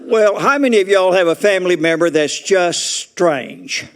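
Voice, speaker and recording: A man's voice: high-pitched, moderate pace, a bit bright. A man in his eighties with a Southern accent, a retired preacher giving a joking, folksy speech at a residents' meeting. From Arkansas. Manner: folksy joking storyteller, laughs through his lines. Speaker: retired Baptist preacher, guest speaker. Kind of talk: humorous after-dinner style speech. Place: meeting room at a retirement community.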